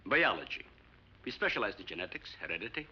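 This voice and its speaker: A man's voice: lowish voice, sing-song, fast talker, sharp tone, slight background noise, full character voice. An actor playing an older male scientist who hosts guests on an island, speaking in a formal, explanatory manner. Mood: earnest. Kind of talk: 1950s film acting. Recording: dull old film soundtrack with faint music.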